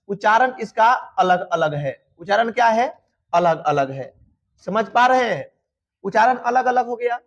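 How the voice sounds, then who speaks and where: A man teaching an exam-prep grammar lesson, repeatedly asking his students questions and answering them himself. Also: sits high. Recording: dull lo-fi sound.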